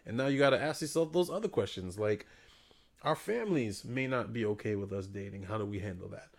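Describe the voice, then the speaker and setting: A man's voice: fairly low pitch, lively intonation, a little fast, creaky. A young adult man co-hosting a podcast, giving blunt, profane, joking opinions in casual chat. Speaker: podcast co-host.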